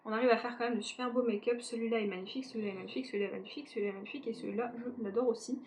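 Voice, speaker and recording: Woman beauty vlogger, fairly high voice, chatty and self-mocking, faint background noise. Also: fairly even intonation, rapid-fire, darkish tone. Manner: chatty, self-mocking, talks to viewers directly. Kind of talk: casual makeup declutter chat.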